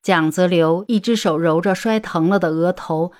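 Low-voiced woman narrating a story. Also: normal speed, a little mellow. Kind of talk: scripted audiobook narration.

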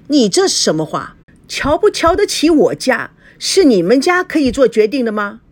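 A woman's voice: high voice, very animated, moderate pace, pitched above the performer's own voice. A woman doing a proud, hot-tempered young man. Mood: indignant. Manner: indignant, angry. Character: young male fiancé, proud and quick-tempered.

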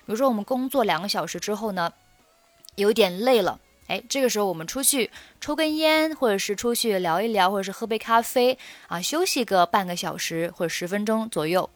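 A woman teaching English phrases in Mandarin, patiently repeating each key word slowly and reading example sentences aloud. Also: mid-range voice, no echo.

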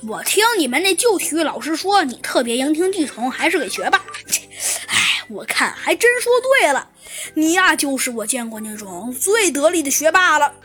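A woman's voice: high-pitched, sing-song, normal speed, pushed and bright, heavily acted. A woman voicing a boastful, chatty male school teacher in a children's story, teasing the pupil with stammered fillers over faint background music.

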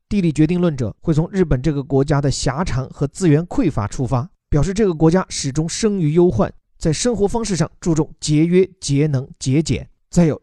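Man, young adult, lesson podcast, spells words out letter by letter, slightly high voice, dry sound. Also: dark tone, dry recording. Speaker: English teacher explaining a news text. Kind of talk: podcast lesson mixing Chinese and English.

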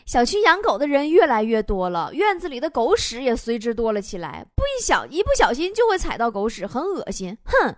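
A high, bouncy woman's voice, telling funny listener stories on a radio comedy show. Her pitch swings widely as she acts out the people in each story. The studio sound is close and dry. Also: fairly quick, few pauses, dry recording. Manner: lively, laughs often, acts out quoted voices. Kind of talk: reading funny listener anecdotes.

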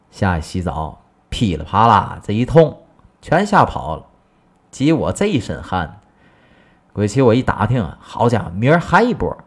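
A man voicing a boastful, loudmouthed middle-aged neighbor, talking in a brash, bragging way. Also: deep voice, breathy edge, exaggerated voice.

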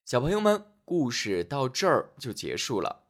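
Animated male storyteller for kids. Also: mid-range voice, moderate pace. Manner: gentle, expressive, addresses children. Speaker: children's storyteller host. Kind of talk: fairy tale narration for children.

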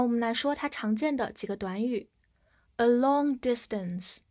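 Woman teaching vocabulary slowly. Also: on the high side. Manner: slow, careful spelling of words letter by letter; has learners repeat after her. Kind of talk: recorded vocabulary lesson.

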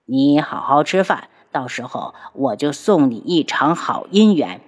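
A cold, cruel ghost doctor from a storybook, his voice pushed low and sneering, as a woman narrator puts him on. He menaces with every word and lets his threats hang. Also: animated, measured pace. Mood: menacing.

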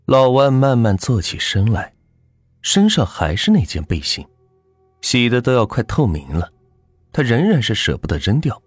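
A man tells a ghost story in a husky, fairly low voice whose pitch rises and falls with the drama. The sound is dry and close to the mic. Soft music plays faintly underneath. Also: very animated, moderate pace, dry recording.

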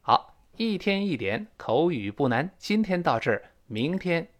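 A man's voice: fairly high pitch, sing-song, unhurried. A man teaching a spoken English lesson, explaining pronunciation and modeling phrases for learners to repeat.

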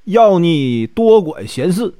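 A man with a Northeastern accent plays a spoiled, arrogant young nobleman in a told story. His voice sits fairly high and moves lively, demanding and haughty. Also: slow pace, dry recording, clean studio sound, full character voice. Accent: Northeastern Mandarin.

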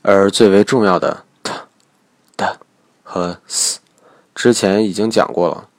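A man's voice: fairly low pitch, fairly even intonation, measured pace, no echo, studio quality. A man teaching English pronunciation in a recorded lesson, explaining each point in a methodical way.

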